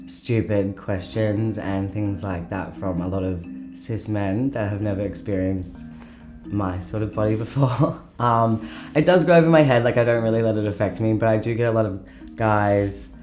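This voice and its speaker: A man's voice: lowish voice, a little slow. A man in an interview, answering frankly and laughing things off in an easygoing way. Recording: faint background music.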